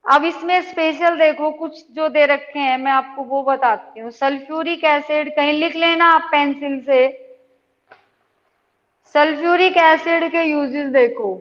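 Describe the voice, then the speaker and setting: A high-voiced woman teacher speaks slowly and patiently, checking in with her students often. The sound is dull and lo-fi, with a long echo trailing each word. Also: fairly even intonation. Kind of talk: online class lesson. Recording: dull lo-fi audio with long reverb.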